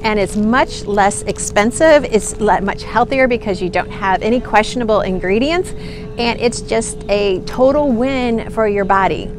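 A woman's voice: mid-range voice, unhurried, over music. A middle-aged woman hosting a nutrition video, talking earnestly and encouragingly to the camera in a grocery store aisle. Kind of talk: casual to-camera nutrition tip.

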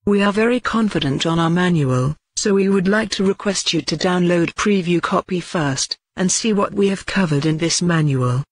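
A woman narrating a scripted promotional voice-over for a training manual, reading out a list of selling points in a steady pitch. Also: normal speed, few pauses, dry recording.

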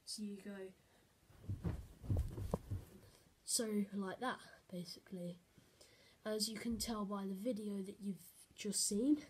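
A woman with a mid-range, steady, slightly mellow and husky voice talks slowly, with long pauses, in a casual how-to vlog from her bedroom. She rambles, stuffing in "basically" and "like," into a camera mic set on the bed.

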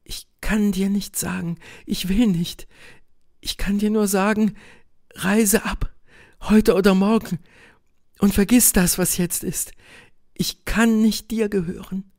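A man's voice: sits high, steady tone, takes it slowly, long pauses, darkish tone, voice pushed up. A man reading an audiobook, voicing a troubled young woman who is bound by duty, pleading and tense. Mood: resigned.

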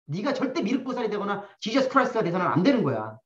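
Animated blunt man lecturing in a roomy hall. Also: high voice, racing. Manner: animated, blunt, peppers talk with rhetorical questions and slang. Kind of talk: classroom lecture to a live audience. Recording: roomy, distant, dull-sounding.

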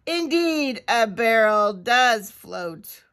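A self-important goat scientist, declaring everything as a great discovery, put on by a woman reading a picture book. The voice rings bright and swoops widely. It is a bold storybook character. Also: fairly high pitch, sing-song, very slow, heavily acted. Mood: pompous. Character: pompous scholarly male goat inventor.

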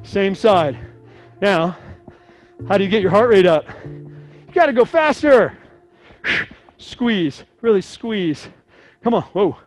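A man's voice: sits high, takes it slowly, long pauses, faint music behind. A middle-aged man coaching a live workout, giving encouraging cues and instructions to a class. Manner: encouraging, calling out cues and counts. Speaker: fitness coach. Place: indoor gym studio.

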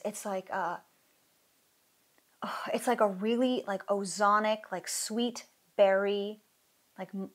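A woman in her thirties chats excitedly at a close desk camera in a small craft room. Her talk gushes and trails through plenty of "like"s as she reacts. Her voice sits at an ordinary middle pitch. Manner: excited, gushing, chatty with many "like"s. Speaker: candle maker reviewing fragrance oils. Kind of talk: casual product review. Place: indoor craft room with pegboard wall.

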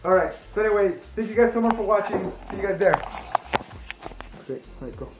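A young man hosting a casual challenge vlog, talking fast and hyped with rambling explanations in an indoor room. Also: sits high, lively intonation, noisy background. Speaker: vlog host. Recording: roomy echo, faint music.

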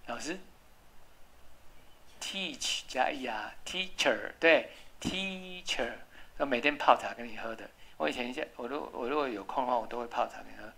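Patient, very low-voiced woman teacher. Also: vocal fry, a bit bright, husky. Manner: patient, drills spelling and pronunciation slowly. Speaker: English teacher. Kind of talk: classroom English lesson. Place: classroom.

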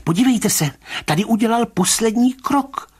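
A man doing a jittery, high-voiced worrier. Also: animated, breathy edge, full character voice. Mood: agitated. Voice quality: high, agitated, trembling voice. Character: anxious, excitable middle-aged man, insistent. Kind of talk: audiobook reading of a short story.

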